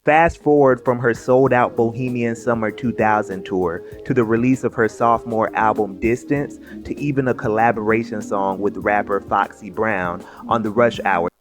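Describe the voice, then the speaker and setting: A man narrates a scripted music history at a measured pace. Faint music plays under his voice. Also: on the low side. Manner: measured, informative. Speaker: video essay narrator.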